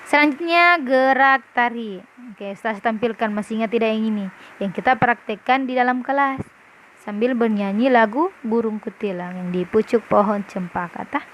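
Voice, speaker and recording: A woman's voice: on the high side, normal speed, fairly bright tone, a little hiss or hum. A woman primary school teacher reviewing a lesson for her pupils, explaining step by step and often checking whether they understand. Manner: patient, explaining step by step, often asks "paham?". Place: classroom with a whiteboard.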